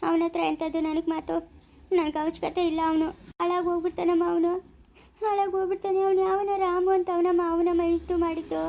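A woman playing an older village mother who gives calm, firm advice to her daughter in low, steady tones. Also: brisk. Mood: firm, consoling. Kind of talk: amateur family drama acting.

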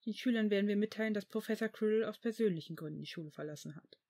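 A reader doing a calm, firm old headmaster. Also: medium pitch, close to an everyday voice. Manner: measured, calm, sometimes stern. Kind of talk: audiobook reading of fan fiction.

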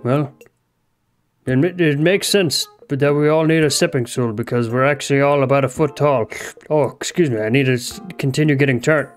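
A man's voice: mid-range voice, moderate pace, low-quality recording. A young man giving jokey, crude commentary while he plays a game and talks back to its characters. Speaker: gaming YouTuber. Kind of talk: casual gameplay commentary. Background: game music.

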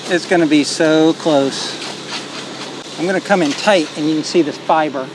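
A middle-aged homestead vlogger walks around a rural building site outdoors, casually explaining a concrete pour to a phone held at arm's length. His voice is a little high and moves at a normal speed, with a noisy background behind him.

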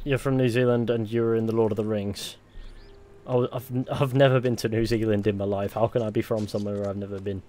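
A man's voice: on the low side, steady tone, quick pace, dark tone, slight background noise. A young British man on a headset giving casual, jokey live commentary on a game and chatting with viewers. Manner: chatty, jokey, reacts to chat. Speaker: gaming streamer.

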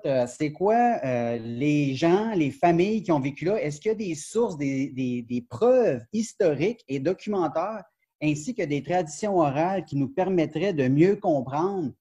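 Over a video call webcam, an animated Québécois professor and book author speaks as a guest in an academic interview from a glass-walled indoor sunroom. His voice is on the high side and husky, with a Quebec French accent; he gestures a lot and uses many fillers and restarts.

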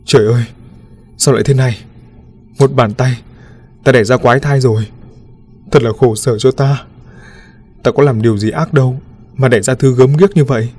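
A man's voice: medium pitch, a little mellow, natural voice. A man voicing a lonely middle-aged village woman who sounds timid and pleading, in a spoken ghost story.

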